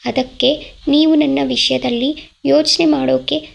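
A woman's voice: sits high, steady tone, measured pace, vocal fry, highs cut off, heavily acted. A woman voicing a heartbroken young man who pleads and hesitates, in a story reading. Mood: tearful pleading.

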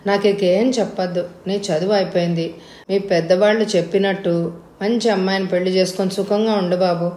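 A woman's voice: medium pitch, steady tone, a little fast, mellow, roomy sound, natural voice. A woman voicing a worried, sad older father in a spoken storybook, resigned and pleading.

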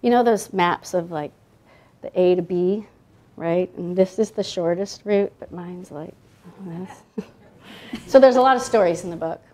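A woman's voice: lowish voice, unhurried, pauses often, darkish tone. A woman in her thirties, a guest author talking casually at a library event, rambling with many fillers and restarts. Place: library event room, indoors.

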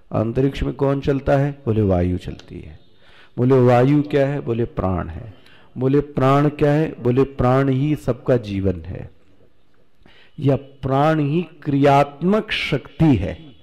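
Swami guy from india teaching scripture, real slow, mellow voice, asks his class questions. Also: mid-range voice. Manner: rhetorical questions answered himself; slow, drawn-out recitation of Sanskrit. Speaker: swami giving scripture discourse. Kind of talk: Hindi scripture discourse.

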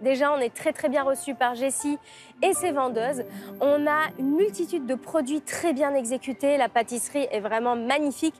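A woman with a high voice gives warm, appraising commentary as a bakery judge, tasting and praising products inside a shop. Soft music plays faintly behind her, and she speaks into a lapel mic. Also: moderate pace.

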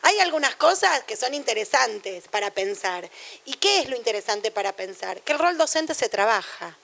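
A woman's voice: a little high, sing-song, normal speed, gravelly, fairly bright tone. A middle-aged woman with a Rioplatense Spanish accent giving a university lecture on education in a chatty, digressive way, full of anecdotes and asides.

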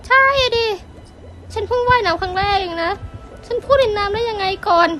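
A woman's voice: very high-pitched, fairly quick, pushed and bright, soft background music. A female performer voicing a curious, anxious girl who was raised human and finds she is a mermaid, in amateur story role-play full of exclaimed questions. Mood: amazed.

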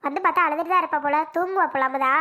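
A woman voicing a fussy older mother-in-law in a cartoon, high and nagging. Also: racing, sharp tone. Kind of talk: cartoon voice acting.

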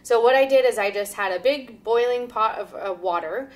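A woman in her thirties hosts and teaches on a cooking show in a home kitchen, her fairly high voice at a moderate pace. She gives upbeat, chatty instructions in a casual demonstration and laughs often.

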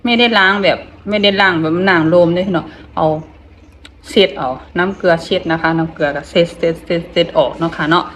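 A middle-aged woman with an Isan accent chats casually while eating, talking with her mouth full, haltingly, repeating phrases and murmuring between them. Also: fairly low pitch, fairly even intonation, a little hiss or hum. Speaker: vlogger.

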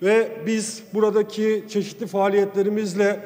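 A man delivering a forceful parliamentary speech at a rostrum pulpit microphone in a large chamber. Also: sits high, little pitch movement, normal speed. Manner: forceful, emphatic oratory with repeated lists. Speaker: member of parliament. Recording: long hall reverb of a large chamber.

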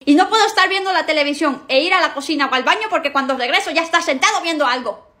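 A young woman acting out a comedy skit, sassy and full of quick comebacks. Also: sits high, bright, forceful tone.

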